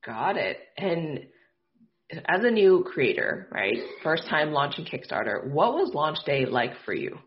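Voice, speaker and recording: A man's voice: a little high, big pitch swings, measured pace. Upbeat male podcast host, lo-fi. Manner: upbeat, frequent "like" and "got it". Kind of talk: interview questions. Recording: dull lo-fi remote audio.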